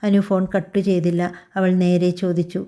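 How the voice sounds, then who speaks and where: A woman tells a scripted story in a calm, even way. Her voice sits low and sounds mellow and soft. She reads every part in that same steady narrating voice. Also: moderate pace. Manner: calm, even storytelling voice that also reads all the characters' lines.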